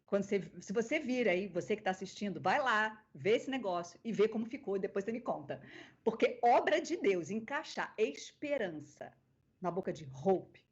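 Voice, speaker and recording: A woman with a Brazilian accent, a guest voice actress on a podcast, telling stories in an animated way. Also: medium pitch, normal speed, slightly rough. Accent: Brazilian Portuguese. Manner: animated storyteller, acting out quoted voices. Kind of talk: casual interview storytelling. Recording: dull lo-fi podcast audio.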